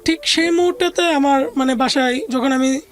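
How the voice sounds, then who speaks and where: Speaking at normal speed in a high voice, this Bengali-speaking woman with a Bangladeshi accent tells her life story as a guest in an interview. Her manner is conversational, and she slips English words into her speech.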